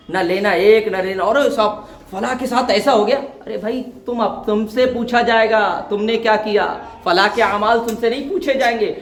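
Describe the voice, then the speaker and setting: A man's voice: sits high, a bit bright. Man preaching an impassioned sermon. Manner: emotional, pleading, addresses listeners as "my dear ones". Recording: echoey hall.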